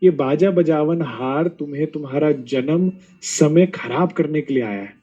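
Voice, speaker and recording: A male preacher delivers a devotional sermon in a fairly high, mellow voice. He scolds his listeners with pointed rhetorical questions and mocking asides. The recording sounds dull and lo-fi. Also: unhurried, breathy edge. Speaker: spiritual preacher.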